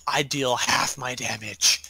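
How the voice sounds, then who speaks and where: A man's voice: medium pitch, steady tone, slow pace, sharp tone, breathy edge. A man in casual gaming chat, ranting animatedly and swearing while explaining changes to his class.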